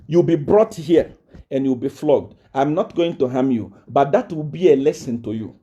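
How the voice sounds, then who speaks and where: A man's voice: on the high side, normal speed, dark tone, highs cut off. A man ranting on a live stream, boastful and threatening, repeating himself often. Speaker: self-styled prophet addressing viewers. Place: South Africa.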